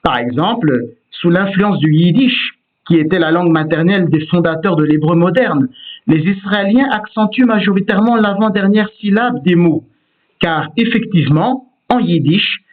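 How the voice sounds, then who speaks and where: A man's voice: sits high, animated, normal speed. A man giving a patient, explanatory lesson on Hebrew word stress, demonstrating each pronunciation himself. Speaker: Hebrew teacher. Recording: tinny phone-like sound.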